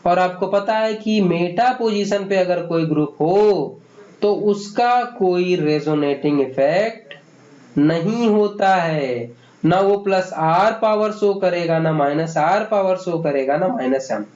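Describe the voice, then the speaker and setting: High-voiced man teaching chemistry, echoey room. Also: slow, a little mellow. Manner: asks questions and answers them himself, calls students "beta". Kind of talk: exam-prep lecture. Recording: echoey room, dull lo-fi sound.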